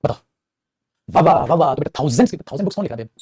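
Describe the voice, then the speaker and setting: A man's voice: a little high, expressive, racing, dark tone, slightly rough, dry recording. A man teaching English grammar in a live online class, scolding and motivating his students by turns.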